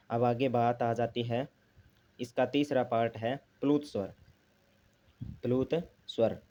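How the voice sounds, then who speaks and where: A man's voice: medium pitch, mellow. A man teaching a grammar lesson, asking himself questions and repeating the key terms. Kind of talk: classroom lesson explanation.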